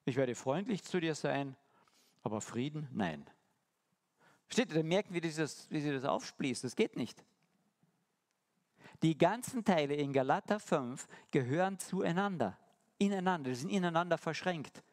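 Man preaching, slightly high voice, animated delivery, rhetorical questions to the congregation, slow emphatic lines. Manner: lively, shifting between quick asides and slow emphatic lines. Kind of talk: sermon.

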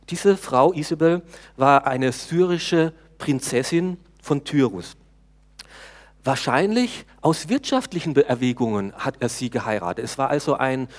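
A male preacher delivering a sermon with a relaxed, talking-to-the-congregation manner. He hesitates now and then, restarts a phrase, and puts questions to his listeners. His voice sits at an ordinary middle pitch for a man. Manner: conversational preaching, talks to the congregation, frequent hesitations.

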